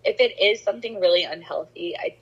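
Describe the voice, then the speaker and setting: A woman's voice: fairly low pitch, brisk, slightly rough, muffled recording. A young woman co-hosting a faith podcast, chatting casually, with lots of fillers and some self-mocking sarcasm. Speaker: podcast co-host. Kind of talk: casual chat.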